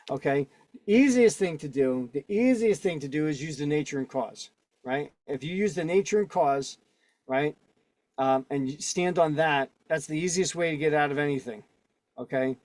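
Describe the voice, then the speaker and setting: A man's voice: on the high side, a little fast, darkish tone, no echo. Argumentative man teaching over a call. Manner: argumentative, keeps checking in with "right?" and "okay?". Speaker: instructor. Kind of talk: casual teaching on a video call. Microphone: video call.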